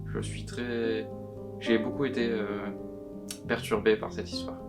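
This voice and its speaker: A young man gives anonymous recorded testimony, answering questions with his voice pitch-shifted deeper as a disguise. He speaks earnestly and haltingly in a flat way, often repeating words, while plucked guitar music plays beneath.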